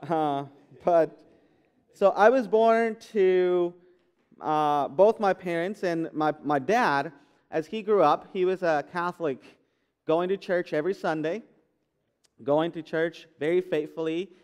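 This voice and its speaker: A man's voice: a little high, slow pace, darkish tone, smooth. Man, 30s, pastor, conversational sermon, fillers and restarts, resonant tone. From Guatemala. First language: Spanish. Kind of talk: sermon testimony. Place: church sanctuary.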